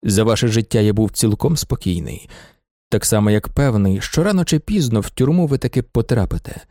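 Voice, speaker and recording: A man voicing a calm, sardonic middle-aged merchant with a low, even delivery in a storybook reading. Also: brisk, no echo, studio quality.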